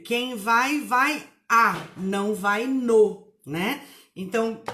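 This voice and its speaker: A woman's voice: a little high, a bit bright. A woman teaching a live online writing lesson, emphatic, spelling words out and asking rhetorical questions.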